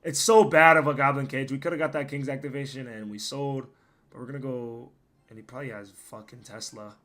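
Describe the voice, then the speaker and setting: A hoarse young gaming streamer who's losing his voice swears casually through his gameplay commentary, rambling between plays and now and then bursting into loud yells. His medium-pitched voice stays steady and moves at a brisk clip.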